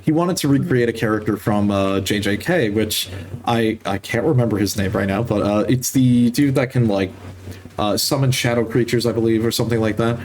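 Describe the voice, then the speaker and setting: A man's voice: fairly low pitch, a little fast, a little mellow, slight background noise. A young man, a streamer and game master, chatting casually in a rambling, filler-heavy way and laughing easily. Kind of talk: casual chat.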